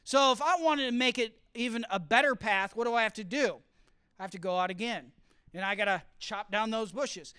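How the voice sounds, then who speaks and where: A high-voiced man who partly grew up in Costa Rica teaches study skills to college students in an interactive class session. He speaks fairly quickly in a crisp, sharp tone, asking the audience questions and explaining through an extended metaphor. The sound is dry with no echo.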